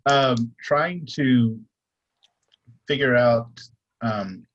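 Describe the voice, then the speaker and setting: A man's voice: mid-range voice, very slow, dull audio. A man with a Southern US accent talking in a casual panel discussion, hesitant and full of fillers and restarts.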